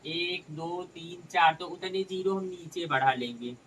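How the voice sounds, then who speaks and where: A man's voice: sits high, measured pace, a bit bright, distant mic, a little hiss or hum, low-quality recording. A man teaching a maths lesson step by step, calling his viewers friends as he works through each sum.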